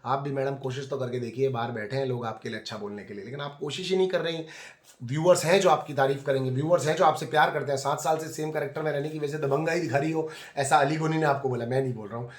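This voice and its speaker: A man's voice: medium pitch, fast talker. A man giving casual commentary on a reality show, chatty and scolding the people on it directly. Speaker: reality TV reviewer. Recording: echoey room.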